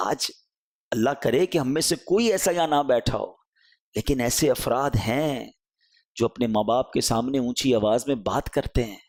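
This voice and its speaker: A man preaching a sermon, impassioned, rising and falling emphatically as he pleads with his listeners. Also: mid-range voice.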